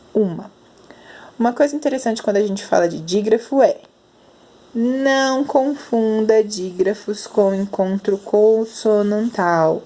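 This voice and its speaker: A woman's voice: mid-range voice, mellow. Young female Brazilian schoolteacher, patient, stretches out syllables for children. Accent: Brazilian Portuguese. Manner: slow, drawn-out enunciation of sounds. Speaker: primary school teacher. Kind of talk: explaining lesson to children.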